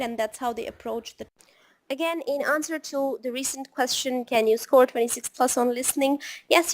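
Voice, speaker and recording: A woman's voice: sits high, gravelly. A middle-aged woman tutoring test takers in a video lesson, explaining step by step and often checking in with "right?". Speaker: TOEFL tutor. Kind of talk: video lesson, advice to students.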